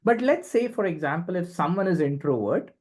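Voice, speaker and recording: Speaking high, expressively and a little fast, with a darkish tone, this middle-aged Indian-accented man explains his points emphatically as a podcast guest. He's a communication and leadership expert who keeps tossing in short tag questions in a conversational way.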